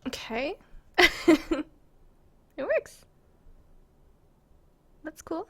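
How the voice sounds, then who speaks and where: With an extremely high pitch, big pitch swings and drawn-out words, this woman's voice comes across pushed and bright. She's an American live streamer and game map maker at a computer in her apartment, casually chatting with viewers and rambling in a self-conscious, giggly way.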